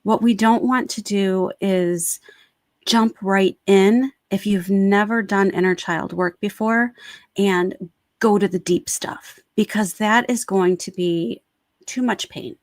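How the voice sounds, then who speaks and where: A woman's voice: medium pitch, takes it slowly, no room sound. A woman talking informally and encouragingly as a Reiki practitioner, introducing a guided meditation on a livestream.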